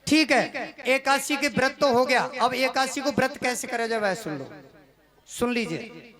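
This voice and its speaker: A male preacher tells folksy moral stories in an animated way, dropping into character voices, before a seated audience. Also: very high-pitched, unhurried. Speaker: religious storyteller preacher. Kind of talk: folksy sermon storytelling. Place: religious gathering with a seated audience. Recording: live crowd in the background. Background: audience murmur.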